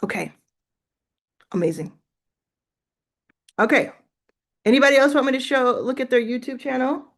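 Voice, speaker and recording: On a casual livestream, a woman gives business coaching, chatty and encouraging as she offers feedback and thinks out loud. Her voice sits high and sounds animated and creaky, moving at a moderate pace with frequent pauses.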